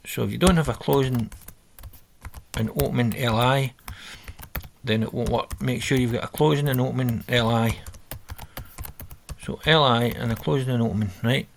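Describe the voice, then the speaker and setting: A man's voice: mid-range voice, fairly even intonation, normal speed, creaky, pauses often, a little hiss or hum. A man talking through a coding exercise on a screen recording, reading out steps and correcting himself as he goes. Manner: thinking aloud, self-correcting, reading instructions. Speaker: coding tutor. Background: keyboard typing.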